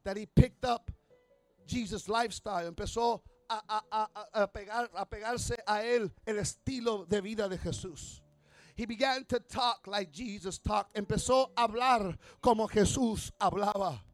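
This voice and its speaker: High-voiced impassioned male preacher. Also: unhurried, no echo, faint music behind. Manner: impassioned, builds to shouting. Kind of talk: bilingual sermon with interpretation.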